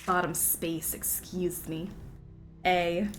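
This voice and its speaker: A woman streaming a game, chatting casually with viewers, giggling often and apologizing in quick asides. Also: lowish voice, flat delivery, a bit bright, slight background noise.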